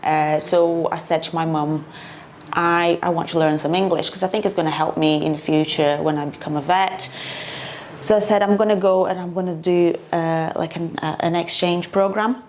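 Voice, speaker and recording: This thirty-something Brazilian guest, a property investor and native Portuguese speaker, chats casually in an interview with a Brazilian accent and many "uh" fillers. She speaks at a normal speed in a fairly low, steady, darkish voice, with slight background noise.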